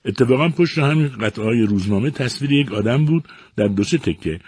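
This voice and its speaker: A man's voice: mid-range voice, lively intonation, darkish tone, husky, no echo, clean studio sound, pitched above the performer's own voice. A man voicing a clever, cheeky little boy in a storybook reading, with a smug, matter-of-fact manner.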